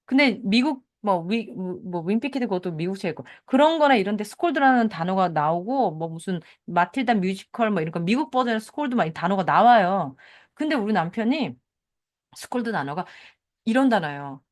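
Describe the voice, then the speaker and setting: A woman's voice: mid-range voice, lively intonation, fairly quick. A middle-aged woman from South Korea giving a chatty English lesson in Korean, explaining set phrases through example sentences. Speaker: English teacher. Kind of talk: casual online English lesson.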